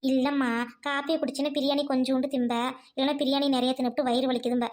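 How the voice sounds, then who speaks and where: A gentle, fussing village mother, acted by a woman in a family skit. She speaks softly and coaxingly in a high voice, with a rural way of talking. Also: level tone, fast talker, natural voice. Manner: soft, coaxing, rural Tamil speech.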